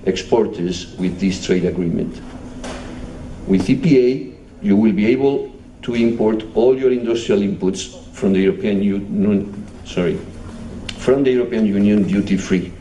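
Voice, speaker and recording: A man with a Spanish accent giving a measured, formal conference speech as a European Union official. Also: on the low side, dark tone. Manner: measured, formal, reading out titles. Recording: echoey hall, distant mic, faint noise.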